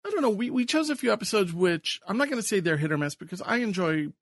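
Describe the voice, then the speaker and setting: A man's voice: high-pitched, expressive, quick pace, fairly bright tone, no room sound. A man with a Long Island accent, co-hosting a podcast in a rambling, enthusiastic, self-correcting way. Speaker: podcast co-host. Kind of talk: casual podcast chat.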